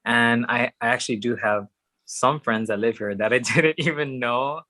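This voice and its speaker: Chatty young man from Hawaii, bright tone. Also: medium pitch, steady tone, normal speed. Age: young adult. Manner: chatty, warm, laughs often between phrases. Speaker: guest, drag performer. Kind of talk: casual chat.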